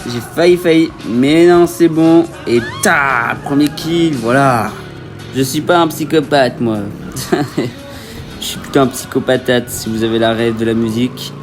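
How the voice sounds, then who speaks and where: A man's voice: medium pitch, normal speed, music in the background. A young man giving casual, joking gameplay commentary with street slang and talking straight to his viewers. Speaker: gaming video creator. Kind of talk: let's play gameplay commentary.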